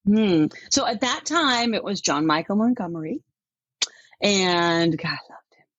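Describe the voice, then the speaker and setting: A woman's voice: medium pitch, lively intonation, a little slow, dry recording, highs cut off. A middle-aged woman from Denmark, a country music artist, chatting animatedly in an interview and laughing often. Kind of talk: casual interview talk.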